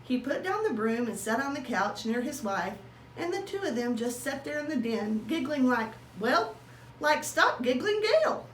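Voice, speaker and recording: Pitched high and sing-song, a woman narrates a children's story at a normal pace, performing the dialogue expressively as a teacher might. Faint background noise and a far-off mic give the audio a roomy feel.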